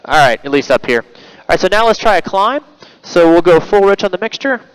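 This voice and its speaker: A man working as a flight instructor, calmly and encouragingly talking a student through maneuvers step by step over a cockpit headset. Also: high voice, fairly quick, clear, resonant tone, rough recording. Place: small airplane cockpit in flight. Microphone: aviation headset intercom.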